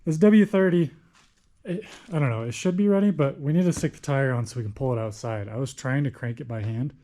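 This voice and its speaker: A young man chatting casually as he walks through his barn and shop showing off old tractors, folksy and quick to correct himself. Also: mid-range voice, mellow, poor audio. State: out of breath. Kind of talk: casual walkthrough talk.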